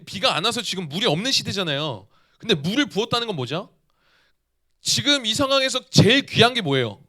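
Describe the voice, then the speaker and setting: A young male youth pastor preaches with a high, bright voice that jumps around in pitch. He keeps asking his listeners questions and acts out the quoted lines. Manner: lively, asks the audience questions and acts out quotes. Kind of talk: youth sermon.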